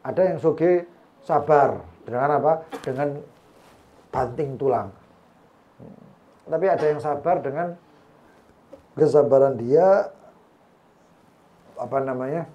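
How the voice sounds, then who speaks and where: A man's voice: fairly high pitch, slow, long pauses, warm tone, dull audio, slight background noise. A man with a Javanese accent teaching an Islamic study session, weaving Arabic quotations and humorous asides into his sermon. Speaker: religious teacher.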